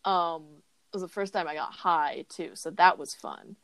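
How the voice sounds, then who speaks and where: A woman's voice: on the low side, unhurried, fairly bright tone, no room sound. A woman co-hosting a podcast in casual chat, giggling and gushing with lots of fillers. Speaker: podcast co-host.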